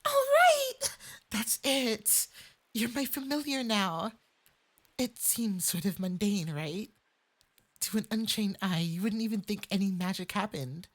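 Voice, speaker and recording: A performer's light, breathy voice brings a lovestruck, clingy fox-spirit femboy mage to life in an intimate ASMR roleplay, sweetly and possessively coaxing with swings into eager excitement. At medium pitch and an unhurried pace, the exaggerated voice sounds elated, then turns tender and pleased.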